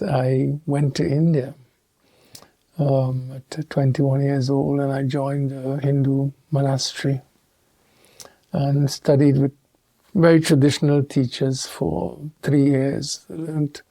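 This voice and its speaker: A theologian from Trinidad and Tobago appears as a guest in a reflective interview, speaking in a measured, thoughtful way with pauses and restarts. His voice is medium-pitched and dark, with no room sound.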